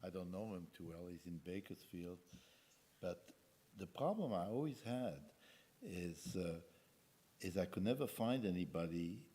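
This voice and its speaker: Older guy, deep low voice, halting talk, keeps restarting his sentences. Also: expressive, dark tone. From Belgium. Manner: halting, repeats words and restarts. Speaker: guest speaker. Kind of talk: talk at a commemoration.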